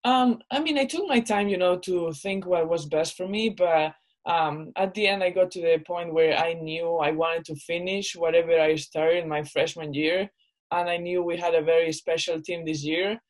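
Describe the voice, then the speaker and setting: A woman's voice: fairly low pitch, moderate pace, rough recording. A young woman from northern Spain, a college basketball player talking casually as a podcast guest. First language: Spanish. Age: young adult. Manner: relaxed, conversational, many fillers like "you know". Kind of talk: casual interview.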